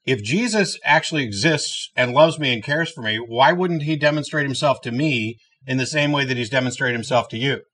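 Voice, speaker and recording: A man's voice: medium pitch, brisk, few pauses, a bit bright, breathy edge. A man in his thirties hosting a call-in show, debating a caller in a probing, challenging way and often cutting in. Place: small TV studio, indoors.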